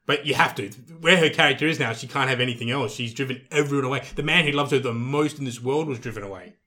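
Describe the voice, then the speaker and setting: A man with a northern English accent in casual chat, animated and opinionated as he hosts the talk. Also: medium pitch, fast talker. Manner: animated, opinionated, laughs often.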